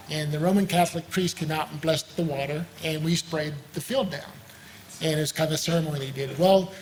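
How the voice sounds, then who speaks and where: A man's voice: fairly high pitch, fairly bright tone, echoey room, a little hiss or hum, rough recording. A man, a retired firefighter on a panel, telling a story plainly. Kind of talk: panel anecdote.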